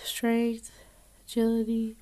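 A woman's voice: on the high side, completely flat delivery, slow pace, dark tone. A woman commentating on her survival game as she plays, puzzled and grumbling to herself about how things work. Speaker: gamer. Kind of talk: gameplay commentary.

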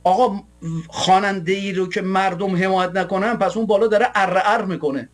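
A man's voice: high voice, fairly even intonation. A man from Iran hosting a political show, delivering a combative monologue in a taunting, mocking way. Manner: taunting, mocking, rants with scornful laughs.

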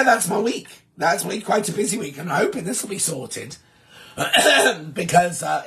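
Chatty male livestream host, throat hoarse and sore, voice sits a touch high, rambling and self-deprecating. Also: fairly bright tone. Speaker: livestream host reading viewer comments. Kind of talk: casual chat with viewers.

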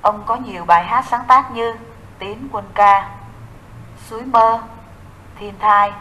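A woman's voice: fairly high pitch, takes it slowly, bright, forceful tone, low-quality recording. Patient woman teaching. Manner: patient, explains step by step, asks the class questions and answers them. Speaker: music teacher. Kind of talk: recorded music theory lesson for students.

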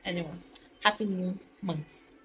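A woman's voice: a little slow, very noisy. Chatty Nigerian woman vlogging at home. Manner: chatty, sighing, switches between low tired murmurs and loud excited outbursts. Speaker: vlogger, stay-at-home mom. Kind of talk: casual talking-to-camera vlog. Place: home kitchen and rooms, indoors. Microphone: phone camera held close.

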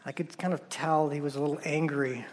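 A man who works as a surgeon tells a personal story at a conference, halting and repeating words, his voice dropping soft at painful moments. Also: on the high side, flat delivery, slight background noise.

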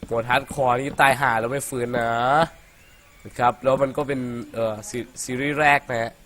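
A man's voice: medium pitch, steady tone, a little fast, a bit bright, a little hiss or hum. A young man from Thailand giving casual, profane let's-play commentary, chattering and laughing as he plays. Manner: rowdy and profane, laughs a lot, playful chatter. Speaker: gaming commentator.

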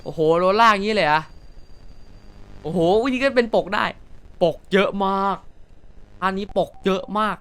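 A man giving casual, excitable commentary while streaming a game, swearing freely and talking to himself. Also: sits high, normal speed, pauses often.

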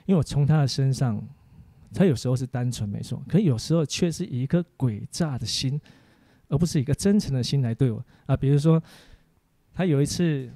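A man, a preacher giving a teaching sermon for an online course, full of animated stories about his family. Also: mid-range voice, no room sound.

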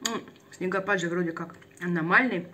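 A woman's voice: lowish voice, sharp tone, a little hiss or hum. A woman talking casually with her mouth full while chewing, musing aloud as she eats for a mukbang. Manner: chatty, musing, unhurried. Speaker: mukbang vlogger. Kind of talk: casual chat while eating.

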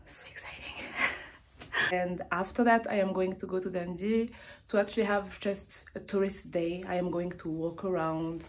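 A woman's voice: fairly low pitch, a little mellow, echoey room. A woman who designs clothes, talking to camera in a casual vlog, earnest and heartfelt, repeating words for emphasis. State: tired. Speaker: fashion designer vlogger.

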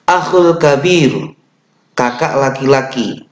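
Young indonesian guy teaching kids online, real slow and patient, echoey little room. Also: medium pitch, expressive. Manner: slow, patient explaining with fillers and self-corrections; chants the opening prayer. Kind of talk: online classroom lesson.

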